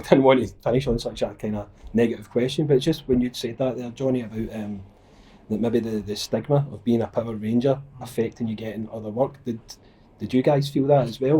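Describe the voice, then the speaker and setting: Mellow-voiced male interviewer. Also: mid-range voice, steady tone, a little fast. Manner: polite, a little hesitant questioning. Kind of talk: panel interview questions.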